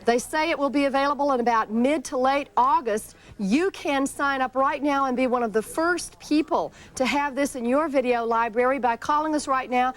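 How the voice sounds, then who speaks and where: Female telethon host, high voice, persuasive and explanatory, live ad-libbed fundraising. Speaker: public television pledge drive host.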